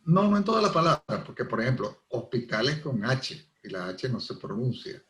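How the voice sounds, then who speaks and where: A man's voice: mid-range voice, sing-song, moderate pace, a bit bright. A middle-aged man with a Venezuelan accent, a language professor explaining things with examples as a radio interview guest. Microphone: radio studio microphone. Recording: echoey radio studio sound.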